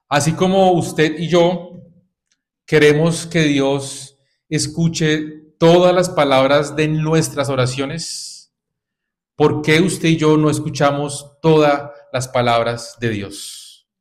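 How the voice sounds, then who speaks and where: A man preaching a sermon to his congregation, exhorting them with repeated rhetorical questions and calls of "brothers". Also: on the high side. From Colombia.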